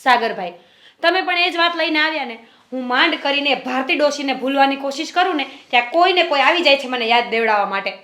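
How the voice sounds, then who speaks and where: A young woman acting a touchy, sharp-tongued sister-in-law who defends her fight with a neighbour, in a family drama. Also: sits high, fast talker. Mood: weary. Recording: roomy echo.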